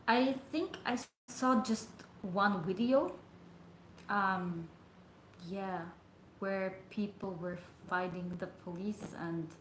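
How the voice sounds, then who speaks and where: A woman's voice: mid-range voice, a little hiss or hum. A young adult woman chatting casually on a livestream, rambling and hesitant with lots of fillers. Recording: echoey room.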